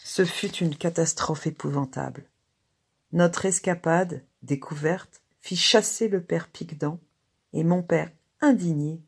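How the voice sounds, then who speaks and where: A woman narrates a classic short story in a measured, expressive reading. Her voice sits low and sounds husky and breathy. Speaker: reader.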